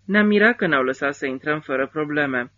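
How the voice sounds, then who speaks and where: A man's voice: on the high side, animated, pushed and bright, dry recording, dull audio. A man reading the part of a grieving army driver who tells of a comrade's death in a weary, bitter way. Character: grieving middle-aged male army driver.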